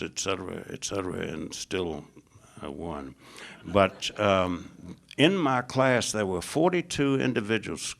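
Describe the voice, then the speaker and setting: A low-pitched American man with a gravelly edge delivers a public lecture. He builds emphatic lists, climbing in pitch as he drives a point home, and pads his phrasing with "uh" fillers. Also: a bit bright. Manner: frequent "uh" fillers. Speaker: foreign policy lecturer.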